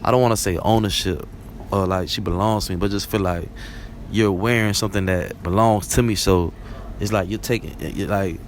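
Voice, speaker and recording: A young Barbadian-accented man hosts a vlog, holding a rambling, chatty solo talk peppered with "you know what I'm saying?". He has a low voice with fairly even intonation at normal speed, and a little hiss or hum runs underneath.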